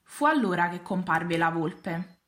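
A woman narrating a storybook aloud, slowly and calmly. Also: on the low side. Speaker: reader.

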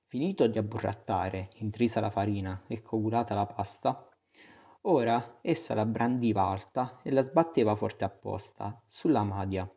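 A man reads a literary novel aloud in the first person, measured and expressive. His voice sits low and has a husky, breathy grain. The tone is dark and mellow. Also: dull audio. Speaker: narrator. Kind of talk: audiobook reading of a literary novel.

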